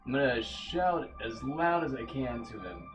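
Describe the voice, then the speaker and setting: A man's voice: medium pitch, sing-song, a little slow, soft background music, rough recording. A man playing a tabletop game, chatting casually and explaining his moves. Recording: clear background noise.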